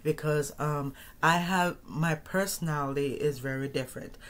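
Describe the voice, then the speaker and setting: A man's voice: fairly high pitch, normal speed, fairly bright tone. A man in his thirties hosting his own podcast, talking casually to his audience in a rambling way, repeating phrases and restarting sentences often. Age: 30s. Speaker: podcast host. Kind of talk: casual solo monologue.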